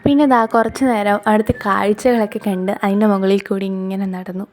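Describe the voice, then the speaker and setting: A woman's voice: medium pitch, fairly even intonation, brisk, darkish tone. A woman with a Kerala accent narrating a travel vlog in a casual voice-over, mixing English words into Malayalam. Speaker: travel vlogger. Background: music.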